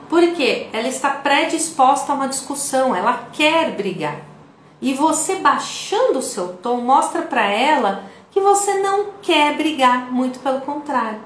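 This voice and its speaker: A woman's voice: a little high, a bit bright, a little hiss or hum. A woman with a Brazilian Portuguese accent giving an online video lesson in a conversational way, often checking in with the viewer. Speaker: instructor. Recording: echoey room.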